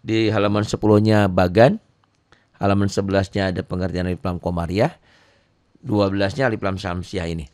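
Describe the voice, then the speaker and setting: Low-pitched male recitation teacher, patient step-by-step lesson, dry close sound. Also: steady tone, fairly quick, a little mellow, no room sound. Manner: patient, repeats and explains step by step. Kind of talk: tajwid lesson with recited examples.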